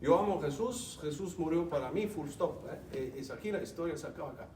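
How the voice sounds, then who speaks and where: A man giving an emphatic teaching talk to a group, animated and repeating key words. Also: a little high, fairly quick. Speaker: speaker teaching on faith. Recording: roomy hall, distant mic, faint hum.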